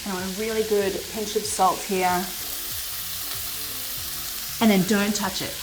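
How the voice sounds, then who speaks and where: A woman's voice: medium pitch, little pitch movement, unhurried, over music. A woman hosting a casual cooking demonstration in a kitchen, chatty and playful, laughing at herself as she talks. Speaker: cooking show host.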